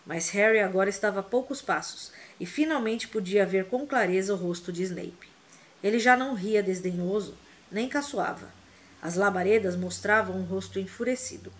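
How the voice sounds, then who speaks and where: Female audiobook narrator; expressive, vivid storytelling. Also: medium pitch, normal speed. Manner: dramatic, vivid reading. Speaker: audiobook reader.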